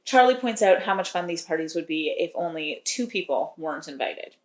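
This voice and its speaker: A podcast co-host recaps a romance novel in casual chat, chatty and wry and laughing often. Her voice is fairly low and expressive, her pace brisk, and the room echoes.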